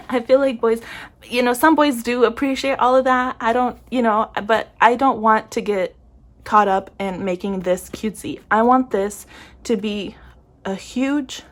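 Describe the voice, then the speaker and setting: A young woman chatting casually to camera about her planners, soft-spoken and a little emotional, often trailing off and restarting. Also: on the high side. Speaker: planner vlogger.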